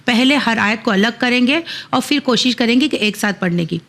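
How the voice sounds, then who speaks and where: A woman with a Pakistani Urdu accent teaching Quran reading, spelling each syllable and then blending the words slowly. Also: a little high, lively intonation, fairly bright tone. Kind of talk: slow letter-by-letter Quran recitation lesson.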